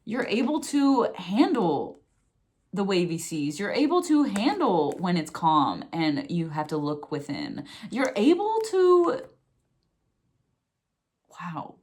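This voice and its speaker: A young woman giving a casual tarot reading, excitable and gushing, often breaking into laughter. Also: fairly low pitch, a little slow. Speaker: tarot reader.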